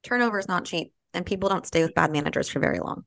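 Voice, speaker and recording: A woman co-hosting a casual podcast, speaking in a measured, thoughtful way. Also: fairly low pitch, animated, gravelly, fairly bright tone, dry recording, clean studio sound.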